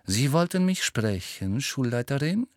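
A man voicing a cold, sneering male teacher who speaks in a smooth, sardonic drawl. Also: mid-range voice, very animated, a little slow, dry recording, clean studio sound.

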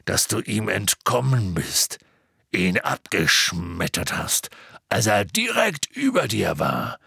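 A man voicing a gruff, burly half-giant who growls his words. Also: lowish voice, very animated, takes it slowly, bright, forceful tone, no room sound, studio quality, heavily acted. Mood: admiring.

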